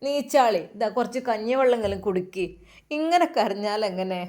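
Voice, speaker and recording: A woman voicing an older mother who softly coaxes and soothes her grieving daughter. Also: fairly high pitch, normal speed, lightly acted. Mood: soft coaxing. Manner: soft, coaxing.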